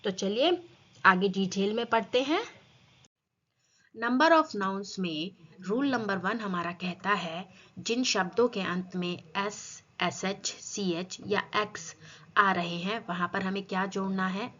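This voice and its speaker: Female grammar teacher, unhurried, quizzing pupils; muffled lo-fi recording. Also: medium pitch, sharp tone. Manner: asks and answers her own questions, addresses students as children. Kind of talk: classroom grammar lesson.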